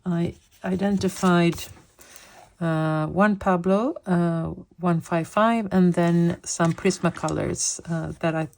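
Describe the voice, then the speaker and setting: A woman in her late fifties, Swedish by first language, talks casually in English while coloring and occasionally gropes for words. Her pitch is fairly low and her intonation fairly even, with vocal fry, a darkish tone, and a slow pace.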